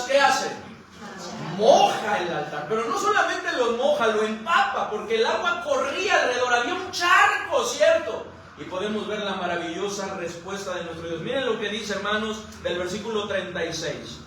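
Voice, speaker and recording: High, bright-voiced pastor preaching. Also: male voice. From Mexico. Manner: preaches with many questions to the congregation, tag "¿verdad?"; reads scripture aloud with emphasis. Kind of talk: sermon. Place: church sanctuary. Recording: very echoey church hall, voice from a distance, faint noise.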